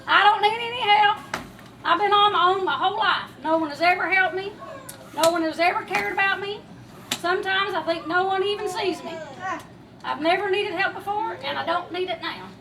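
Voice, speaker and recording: A woman's voice: very high voice, normal speed. A woman playing a laid-back, scatterbrained surfer dude who drawls slang like "man" and "crazy" in a live church skit. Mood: hurt. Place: large hall with an audience. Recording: distant live recording with crowd and noise.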